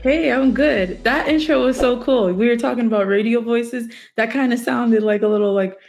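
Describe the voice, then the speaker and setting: Upbeat woman guest, slightly high voice. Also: moderate pace, vocal fry, darkish tone, faint music behind. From Boston area. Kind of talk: casual chat.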